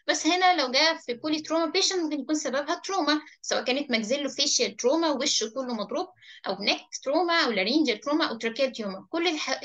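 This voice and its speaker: Woman, Egyptian Arabic accent, medical lecturer, high voice, quick delivery, keeps checking in with listeners. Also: fairly bright tone. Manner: frequent checking "تمام؟" with listeners; slows down to read English terms aloud. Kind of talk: recorded medical lecture mixing Arabic and English terms.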